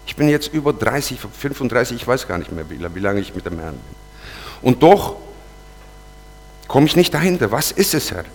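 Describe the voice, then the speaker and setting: A preacher who is not a native German speaker gives an earnest, emotional personal testimony, confessing in quiet mutters and then pleading loudly. He reads scripture verses slowly and deliberately, his mid-range voice swinging widely in pitch, with long hall reverb and a faint hum in the recording.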